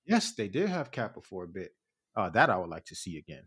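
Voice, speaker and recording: Joking, slangy podcast host. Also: male voice, low-pitched, big pitch swings, fairly quick, fairly bright tone, slightly rough. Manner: joking, laughs often, slangy. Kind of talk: casual chat.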